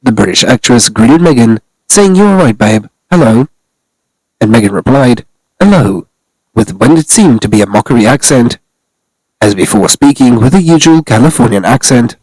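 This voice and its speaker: A man's voice: medium pitch, expressive, fairly quick, a little mellow, breathy edge, no room sound, low-quality recording. A man narrating a scripted celebrity news commentary, reading steadily from articles.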